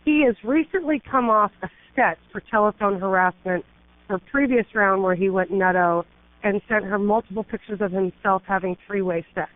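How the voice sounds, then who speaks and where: A middle-aged woman attorney with a medium-pitched voice pleads urgently on an emergency call, heaping up emphatic lists of complaints. The telephone sound is tinny, with no echo.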